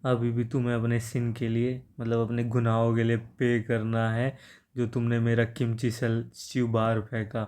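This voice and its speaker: A man's voice: medium pitch, completely flat delivery, moderate pace, darkish tone, close to an everyday voice. A man voicing a sarcastic, bullying young male hero in a story recap, barking crude commands. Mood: bossy.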